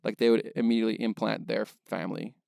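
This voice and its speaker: A man's voice: on the low side, fairly even intonation, quick pace, gravelly, darkish tone, no room sound, studio quality. A man co-hosting a casual film podcast, thinking aloud and picking apart why a movie works or not, with lots of "like" fillers. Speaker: podcast co-host, filmmaker.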